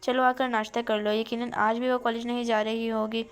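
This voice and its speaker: A woman's voice: on the high side, level tone, moderate pace, smooth, lightly acted. A woman voicing a middle-aged mother in a read-aloud novel, speaking in a doubtful, scolding way.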